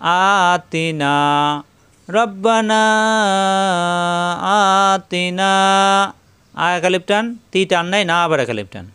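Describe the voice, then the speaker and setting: A man leads a tajweed lesson, sounding out letters one by one before chanting whole verses slowly. His voice is smooth and resonant and sits a little high. The recording is close and dry. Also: very animated, pushed and bright, dry recording, faint music behind. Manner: spells out letters and vowels step by step, then chants verses slowly. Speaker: Quran recitation teacher.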